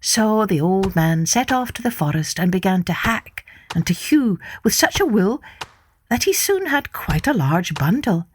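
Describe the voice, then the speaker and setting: A woman narrating a folktale for children in an expressive, measured way. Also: lowish voice, slight background noise. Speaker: storyteller.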